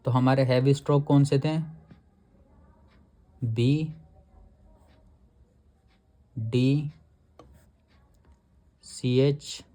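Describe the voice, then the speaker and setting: A male shorthand teacher talks through his lesson at an unhurried, deliberate pace. His voice is dark and mellow, with an ordinary middle pitch. He explains patiently and drags out each word when he reads a rule aloud. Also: fairly even intonation.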